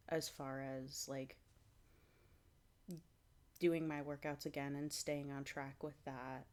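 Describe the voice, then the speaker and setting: A young woman giving a casual fitness vlog update, rambling with fillers and restarts, clearing her throat now and then. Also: low voice. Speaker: vlogger.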